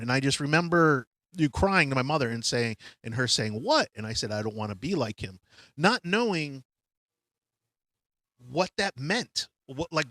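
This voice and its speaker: Candid fifty-year-old podcast host. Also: male voice, medium pitch, fairly bright tone, no room sound. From Hartford, USA. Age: 50s. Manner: candid and reflective, with frequent ums and uhs. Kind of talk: personal storytelling podcast. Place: studio in a curiosity shop.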